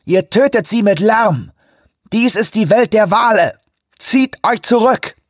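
A man voicing a huge, furious male eco-activist who shouts, scorns and preaches. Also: sits high, very animated, normal speed, breathy edge, dry recording, clean studio sound, voice pushed up, full character voice. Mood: preaching.

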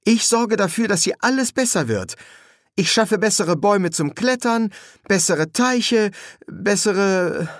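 A man's voice: fairly high pitch, very animated, measured pace, no room sound, pitched above the performer's own voice. A man voicing an eager boy who leads his friends and grows frantic, in a dry audiobook reading. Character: boy leader, eager, turning commanding then frantic.

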